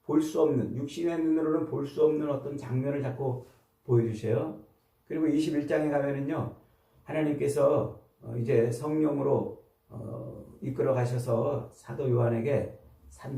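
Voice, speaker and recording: A man's voice: medium pitch, normal speed, gravelly, mellow, far from the mic. A man preaching a sermon as pastor, explaining the text patiently and asking his listeners questions. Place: church sanctuary. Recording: roomy sound from away from the mic.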